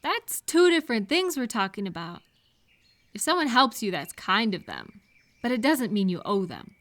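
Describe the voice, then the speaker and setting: Her slightly high, fairly bright voice has a sing-song lilt and a moderate pace. She's performing an audio roleplay, giving one listener supportive advice in a conversational, reassuring, explanatory way.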